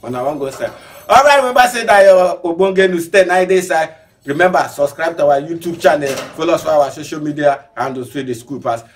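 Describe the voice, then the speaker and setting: A man hosting a comic news show in Nigerian Pidgin, joking and laughing, jumping from loud bursts to low mutters. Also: brisk, recorded from a distance.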